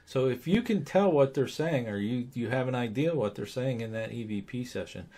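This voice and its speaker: A man co-hosting a paranormal vlog in casual conversation, stretching words for emphasis in a halting way. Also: mid-range voice, dark tone. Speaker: paranormal show co-host. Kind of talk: casual two-host vlog discussion.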